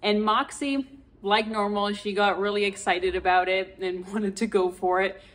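A woman in her thirties chatting to camera indoors, expressive and full of fillers as she wraps up the episode. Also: mid-range voice, moderate pace. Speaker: motorcycle travel vlogger. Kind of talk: casual travel vlog.

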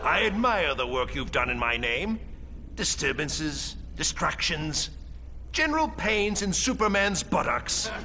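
A man's voice: on the high side, very animated, a little slow, slight background noise, exaggerated voice. An actor playing a gleeful, theatrical madman villain in a video game, mocking and grandiose. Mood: grandiose, manic. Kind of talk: video game cutscene acting. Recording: loud music under the voice.

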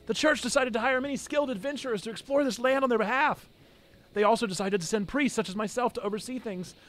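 A man's voice: very high voice, fast, fairly bright tone, pitched above the performer's own voice. A man voicing a priest who narrates an expedition's backstory in a video game. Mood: earnest, storytelling.

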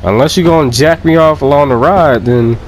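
A young man giving loud, profane, joking let's play commentary and laughing often. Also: a little high, fairly quick, slight background noise. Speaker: gameplay commentator.

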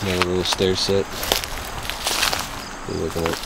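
A man's voice: low-pitched, little pitch movement, unhurried. A young man walking an overgrown empty lot, talking casually to a handheld camera with loose, rambling "like" fillers. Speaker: vlogger exploring abandoned sites. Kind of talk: casual walk-and-talk narration. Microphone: handheld camera at arm's length. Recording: outdoor camera audio with clear insect noise. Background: insects and distant traffic outdoors.

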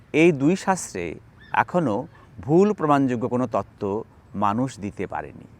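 A man from Bangladesh giving an explanatory video lecture on grammar, stressing key terms and walking through spoken examples. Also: fairly high pitch. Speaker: linguistics lecturer.

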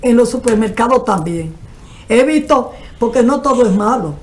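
An older Dominican woman, a cultural manager, appears as a guest on a TV panel discussion, speaking earnestly in a Dominican Spanish accent, gesturing and talking in long explanatory runs. She's recorded on a studio desk mic. Her voice is on the high side, expressive, a little mellow, at a moderate pace.

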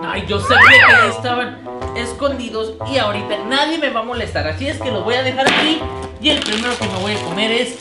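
A silly clown with the whiny, exclaiming manner of a greedy child. The voice sits very high in a roomy house, with loud music over it, as in a slapstick kids' show. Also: male voice, wildly swooping pitch, a little fast, heavily acted. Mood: gleeful, greedy. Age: young adult. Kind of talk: slapstick children's sketch comedy. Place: tiled living room and kitchen at home.

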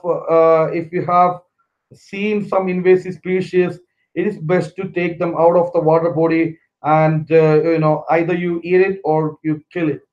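A middle-aged man from India, talking casually to camera from his couch as a fishing vlogger, halting with many fillers and restarts. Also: high voice. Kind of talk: casual how-to talk to camera. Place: small living room, on a couch. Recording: slightly dull lo-fi sound.

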